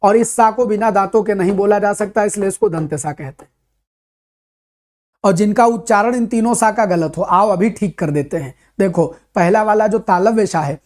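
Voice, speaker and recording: A man teaching a Hindi grammar lesson for exam students, chatty, calling his students brother and slowly repeating sounds to demonstrate them. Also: high voice, a little mellow. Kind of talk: classroom lesson for competitive exams.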